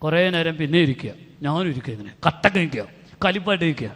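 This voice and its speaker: A middle-aged man from Kerala with a Malayali accent, giving an animated retreat talk to youth and acting out the people in his stories. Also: fairly high pitch, fast. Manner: animated storytelling with acted quotes. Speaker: retreat preacher. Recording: long hall reverb.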